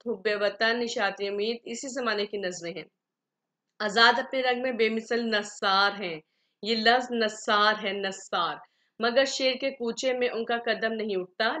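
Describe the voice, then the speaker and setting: A woman with a Pakistani Urdu accent gives a grammar lecture, reading out example words in a steady, methodical list. Her voice sits a little high and sounds bright and forceful. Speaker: Urdu teacher. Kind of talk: classroom lecture.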